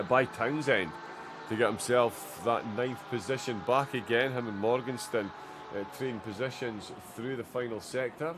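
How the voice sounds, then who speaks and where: A man's voice: mid-range voice, background noise. A man commentating a sim racing endurance stream, chatty and filled with "uh" hesitations as he reacts to the racing. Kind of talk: live race commentary.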